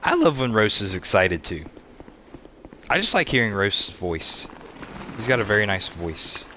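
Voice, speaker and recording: A streamer in his thirties casually narrates his gameplay in a lowish, unhurried voice. He's laid-back, chatting with viewers and laughing often, over steady background noise.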